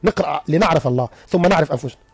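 A man with an Egyptian accent, a guest psychologist on a radio interview, explaining in an animated way with stories and rhetorical questions. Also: on the high side, very fast, gravelly, slightly rough.

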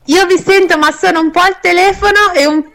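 A woman calling in to a radio show over a mobile phone, talking up loudly and checking whether she can be heard. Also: very high-pitched, fairly even intonation, fairly quick. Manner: raised, straining to be heard, repeatedly checking the line. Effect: heard over a mobile phone line.

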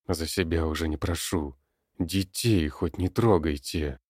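A man's voice: extremely low pitch, unhurried, a little mellow, breathy edge, dry recording, clean studio sound, full character voice. A man voicing an old man who pleads earnestly, in an audiobook. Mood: pleading.

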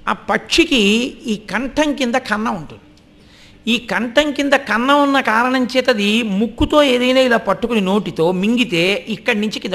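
A middle-aged man delivers a devotional discourse in a strikingly high voice, turning to his audience as he tells the story. His tone is bright and forceful, and every point lands with animated conviction. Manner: animated, addresses listeners directly, acts out voices and chants Sanskrit verses. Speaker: religious discourse speaker.

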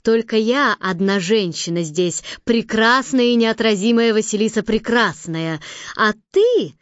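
A woman doing a shrill, bossy Vasilisa. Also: expressive, unhurried, no room sound. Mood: angry. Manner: clipped, commanding. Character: stern aging fairy-tale beauty, bossy and sharp. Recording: dull lo-fi recording.

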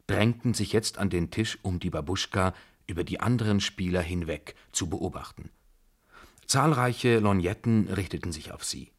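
A man narrating a literary story in a measured, scripted radio reading. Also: low voice.

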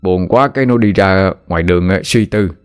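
A man's voice: sits low, a little fast, lightly acted. A man voicing a crude, jovial middle-aged uncle who teases mockingly. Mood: teasing. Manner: mocking, teasing banter. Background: faint background music.

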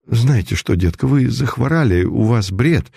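A man reading the lines of a middle-aged mother in a storybook, in a low, soothing tone. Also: lively intonation, normal speed, gravelly, warm tone, husky, no echo, studio quality. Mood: bewildered. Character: middle-aged mother, calm then bewildered.

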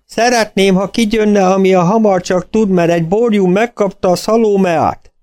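A man's voice: high voice, fairly even intonation, a little mellow, pitched above the performer's own voice, natural voice. A man voicing a big, stately old farmer who talks in rustic country dialect, in an audiobook. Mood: insistent.

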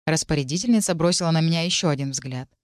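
A woman narrating a first-person fantasy audiobook in an even, measured storytelling manner. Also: low-pitched, no room sound, studio quality.

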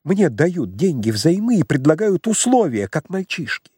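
Guy doing a frantic high-strung young guy, voice up high and loud, near hysterics, dry close sound. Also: very animated, slow, slightly rough, no room sound, full character voice. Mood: agitated shouting. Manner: shouting, pleading, near hysteria. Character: overwrought young man, hysterical, defiant.

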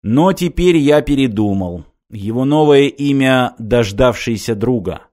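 A man voicing an old, pregnant male alien who speaks slowly and softly in an audiobook. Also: mid-range voice, animated, close to an everyday voice. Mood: gentle. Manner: slow, soft-spoken.

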